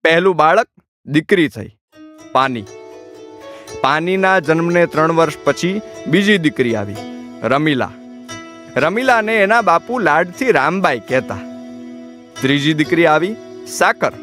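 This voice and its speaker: Expressive male audiobook narrator. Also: on the high side, a little slow, pauses often, faint music behind.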